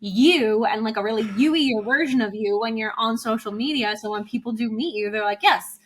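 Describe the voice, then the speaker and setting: A woman's voice: a little high, normal speed. A woman, a business coach, explaining ideas in a casual interview, chatty and full of fillers like "like" and "you know".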